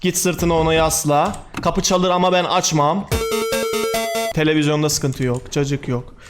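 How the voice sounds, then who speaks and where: A young man giving excitable horror let's-play commentary, talking to himself, swearing and yelping at scares. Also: a little high, a little slow. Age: young adult. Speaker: gaming YouTuber. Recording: game music playing behind.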